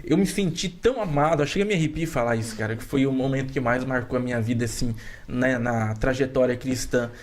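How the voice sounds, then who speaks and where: A man's voice: medium pitch, quick pace. A man, a podcast guest telling his faith testimony in an earnest, emotional, casual way. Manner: earnest and emotional, with frequent "cara" and restarts.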